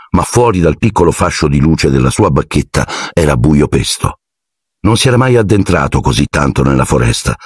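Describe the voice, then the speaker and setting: A man narrating an audiobook in an expressive storytelling manner. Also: sits low, breathy edge, dry recording, clean studio sound. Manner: expressive storytelling, shifting into character voices. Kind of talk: scripted narration.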